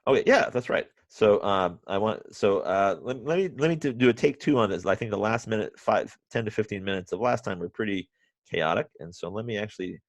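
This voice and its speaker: A man teaching a university math class remotely, halting often with restarts and fillers, and dropping wry, self-mocking asides. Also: on the low side, animated, no echo. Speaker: math professor.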